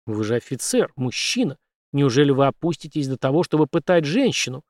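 A man's voice: medium pitch, very animated, a little fast, darkish tone, no room sound, natural voice. A man voicing a captured male officer who answers in a curt, guarded way.

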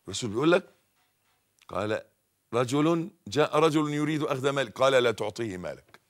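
A man preaching in an Egyptian Arabic accent, swinging between loud, impassioned exhortation and low, quiet asides, and leading his audience in call-and-response blessings. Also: animated, fairly quick. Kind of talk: televised sermon in colloquial speech.

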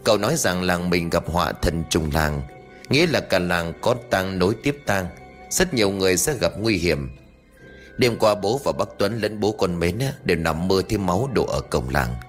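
A man's voice: low voice, animated, moderate pace, faint music behind. A man playing a serious, worried middle-aged village father in a spoken ghost story. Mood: grave.

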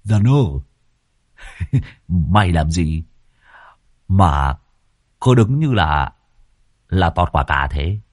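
A man voicing a mischievous young male servant who teases loudly and excitably. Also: low voice, extremely slow, long pauses, husky, dry recording, clean studio sound, full character voice. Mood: mocking. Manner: loud, mocking, excitable.

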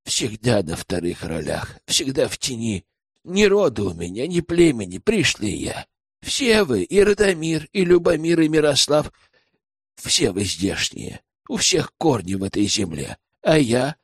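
A man's voice: mid-range voice, big pitch swings, measured pace, creaky, slightly rough, no echo, clean studio sound, exaggerated voice. Man voicing a bitter scheming village outcast. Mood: bitter, sullen. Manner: sullen, bitter, self-pitying. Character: resentful scheming male village outsider. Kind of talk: audiobook character reading.

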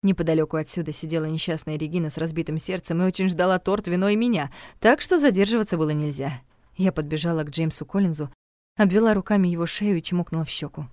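A young woman narrating a first-person novel in a lively, wry storytelling manner, close to the mic. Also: lowish voice, fast, no echo. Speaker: audiobook narrator.

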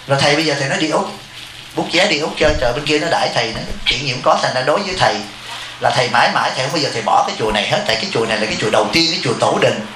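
Fast, bright-voiced Buddhist abbot. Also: male voice, mid-range voice, reverberant, slight background noise, poor audio. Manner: blunt, speaks of himself in the third person as teacher. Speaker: Buddhist monk and temple abbot. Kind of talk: informal dharma talk to disciples.

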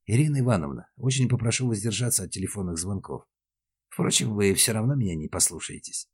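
A matter-of-fact police investigator asking short, businesslike questions, voiced by a male audiobook reader. Low and husky in tone. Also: expressive, quick pace, darkish tone.

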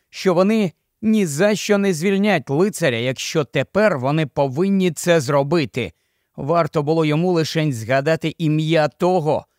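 A male audiobook narrator reading a fantasy story with lively, high-set intonation. The sound is close and dry, with no room around it. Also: no room sound. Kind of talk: scripted narration.

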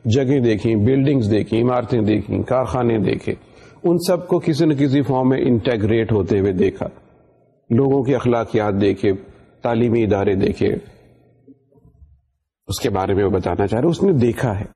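Mellow, husky male lecturer. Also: mid-range voice. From Pakistan. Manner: explains patiently, switching into English phrases. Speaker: university lecturer. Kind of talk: recorded lecture.

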